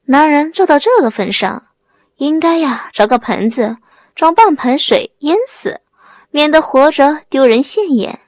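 A woman's voice: sits high, animated, unhurried, dry recording. Casting: woman voicing a short fat thug, scornful mockery, dry audiobook sound. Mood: mocking. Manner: mocking, scornful.

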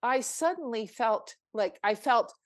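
A woman's voice: a little high, expressive, unhurried, no room sound, clean studio sound. An older woman, a spiritual coach, telling a personal story on a podcast in an earnest, emphatic way, with frequent restarts.

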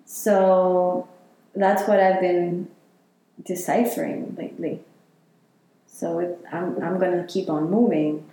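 A woman answers interview questions at an unhurried pace. Her voice is mellow and dark in tone, and she muses as she speaks, filling her pauses with "like" and "you know." The room around her is strongly echoey. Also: on the low side, level tone, a little hiss or hum. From Chile. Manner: reflective, talks with many fillers. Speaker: interviewee, healer. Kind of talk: casual interview.

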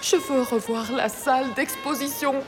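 A woman's voice: sits high, steady tone, normal speed, close to an everyday voice. A woman voicing a fragile, fed-up art installation with a whiny, complaining manner. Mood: peevish. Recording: reverberant with music.

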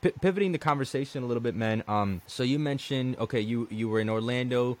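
Speaking at a medium pitch, this fast-talking, slightly mellow podcast host from Colombia chats casually in an interview style. He keeps restarting his sentences and often says "man."

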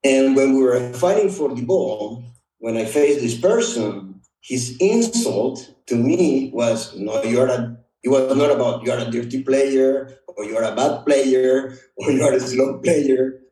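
This native Spanish speaker from Honduras, middle-aged or older, sounds animated and warm at medium pitch. On a podcast he recounts personal stories haltingly and reflectively, leaning on "you know," with a distant microphone picking up roomy echo.

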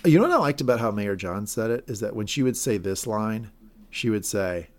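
A man's voice: on the low side, lively intonation, a little fast, darkish tone. A man co-hosting a podcast, recapping a TV episode in a rambling, self-correcting way and speculating about what comes next. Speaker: podcast co-host.

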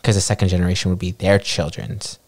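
A man's voice: sits low, level tone, fast talker, no echo. A man co-hosting a podcast, talking casually and loosely with lots of filler words. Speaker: podcast co-host. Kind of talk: casual chat.

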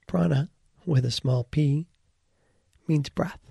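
A man guides a meditation in a dark, relaxed voice of fairly high pitch, marked by heavy gravelly fry. He speaks in short, deliberate phrases separated by pauses. The recording is dry, with no echo or room sound.

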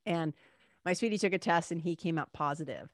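A woman's voice: lowish voice, fairly quick, no room sound, studio quality. A woman with a stuffy, congested nose and a nasal sound, hosting a solo podcast in a casual, playful, lightly sweary chatty way. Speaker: podcast host.

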